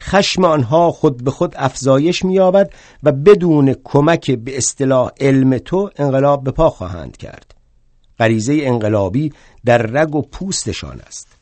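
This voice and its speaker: Brief: man doing a big, brash, drunken anarchist, loud and scornful, dry close sound. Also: mid-range voice, dry recording, lightly acted. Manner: shouting, scornful outbursts. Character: huge drunken fiery male anarchist, brash and crude. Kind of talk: one-man stage play.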